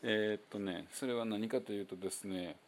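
A man with a Kansai accent giving a casual spoken English pronunciation lesson as the show's host, chatty and loose with many fillers, slowing down to demonstrate sounds. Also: lowish voice, slight background noise. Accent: Kansai Japanese.

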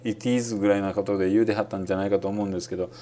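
A man with a Kansai Japanese accent giving a relaxed, rambling spoken lesson on learning English, full of fillers and with English phrases mixed in. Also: lowish voice, very fast, a little hiss or hum. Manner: demonstrates English phrases in between. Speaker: English-learning podcast host.

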